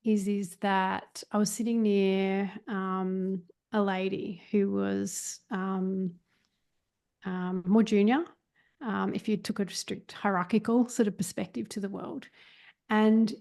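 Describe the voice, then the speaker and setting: Woman guest on a podcast, bit of vocal fry, keeps stopping and restarting, thinking out loud. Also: mid-range voice. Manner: searching, with many fillers and restarts. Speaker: guest, meditation teacher. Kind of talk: reflective podcast conversation.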